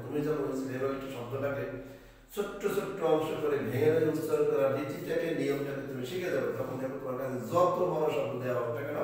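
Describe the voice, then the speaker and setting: A male English teacher with a Bengali accent, giving a classroom lesson for young pupils and repeating key points with slow, drawn-out model words. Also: medium pitch. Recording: echoey room, voice far from mic.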